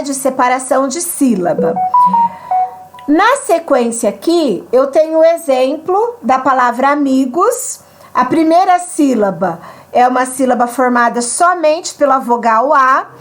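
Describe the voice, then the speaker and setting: A woman teaching an online grammar lesson, patient and explanatory, often checking in with her listeners. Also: high voice.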